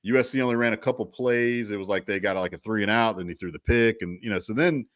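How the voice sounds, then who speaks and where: A man's voice: fairly low pitch, fast, a bit bright, dry recording. Man talking college football, dry close sound. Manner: rambling, restarts, lots of "you know". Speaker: co-host. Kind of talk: casual sports talk.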